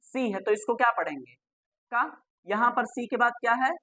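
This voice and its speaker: A woman's voice: on the high side, normal speed, bright, forceful tone. A woman teacher. She gives a classroom grammar lesson, spells words out letter by letter and repeats them, and asks the class questions that she then answers herself.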